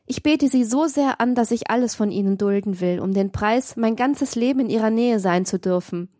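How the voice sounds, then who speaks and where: A woman's voice: a little high, normal speed, mellow, no room sound, studio quality, close to an everyday voice. A woman voicing a feverish, devoted young man in an audiobook, speaking urgently and pleadingly. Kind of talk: audiobook reading.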